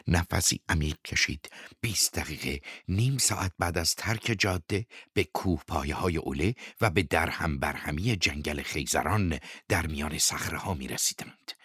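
A man reading a novel aloud as narrator, steady and measured. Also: extremely low pitch, vocal fry, breathy edge, dry recording, clean studio sound. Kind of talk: audiobook reading.

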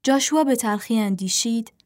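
Woman narrating a storybook calmly. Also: fairly high pitch. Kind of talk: scripted narration.

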